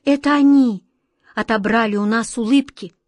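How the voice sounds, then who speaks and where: A woman voicing Glazastik, a timid big-eyed little girl in a fairy tale, speaking high and earnest. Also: moderate pace, a little mellow, dry recording, clean studio sound, natural voice. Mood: pleading, wondering.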